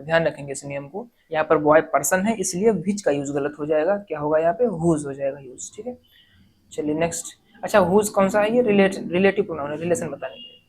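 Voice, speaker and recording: Woman, exam-prep grammar teacher, lowish voice, slow word-by-word reading of example sentences. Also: a little mellow, husky, poor audio. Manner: reads English sentences slowly word by word, then explains. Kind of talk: exam-prep lesson explaining errors.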